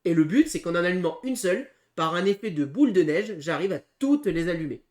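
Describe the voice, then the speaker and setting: A man's voice: high-pitched, animated. Hesitant man explaining board games. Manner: hesitant, full of pauses and restarts while explaining rules. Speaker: board game channel co-host. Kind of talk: casual board game preview chat.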